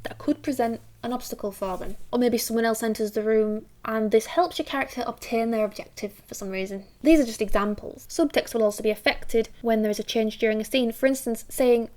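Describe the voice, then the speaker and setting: A woman giving a casual acting lesson, chatty and quick to act out the lines she describes. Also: fairly high pitch, darkish tone. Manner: chatty, acts out quoted lines, uses filler 'like'. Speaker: acting teacher.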